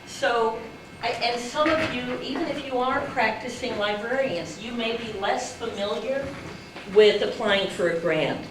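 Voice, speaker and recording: A woman's voice: a little high, measured pace. A woman talking as a grant program officer on a conference panel, conversational with many fillers and restarts. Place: conference room. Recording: echoey hall, distant mic, faint noise.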